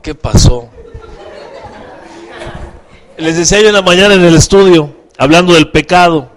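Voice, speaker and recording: A man preaching a sermon as pastor, asking the congregation questions and acting out quoted voices. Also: a little high.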